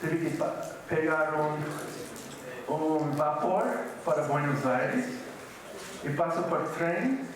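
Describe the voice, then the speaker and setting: A slightly high-voiced older man gives a slow, halting keynote lecture at a conference, slipping Portuguese words into his speech. He's in a large university auditorium, recorded from far off in the echoey hall, with the audience and a crowd audible in the background.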